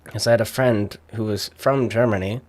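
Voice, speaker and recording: A young man chatting casually, rambling with many fillers and pauses. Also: on the low side, fairly even intonation, darkish tone. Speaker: streamer. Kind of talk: casual chat.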